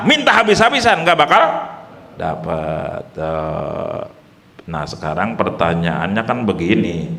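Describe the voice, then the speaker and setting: A middle-aged man with a Sundanese accent, teaching an evening religious study sermon, swinging from loud rises to low murmurs and reciting Arabic passages. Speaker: Islamic boarding school teacher.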